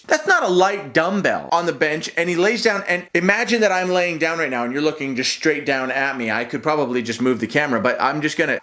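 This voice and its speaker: A man telling a comedic personal story to camera, animated, stumbling and restarting as he acts things out. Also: a little high. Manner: animated, acts out other people's voices, frequent restarts. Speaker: storyteller, channel host. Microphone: camera-mounted shotgun mic.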